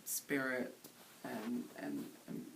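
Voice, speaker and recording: Interview guest: woman DJ in her 30s from Haiti, unusually deep voice, earnest and reflective, recorded a little off-mic with light hiss. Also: big pitch swings, vocal fry. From Haiti, raised in the Bronx. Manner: thoughtful, earnest, pausing to find words. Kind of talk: casual interview. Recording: voice somewhat distant from the mic, faint hiss.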